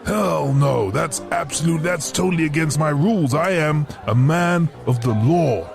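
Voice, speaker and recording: A man playing a gravelly deadpan barfly. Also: a little high, measured pace, soft background music. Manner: flat, literal-minded answers. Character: gruff deadpan man in a dodgy bar. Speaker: podcast co-host.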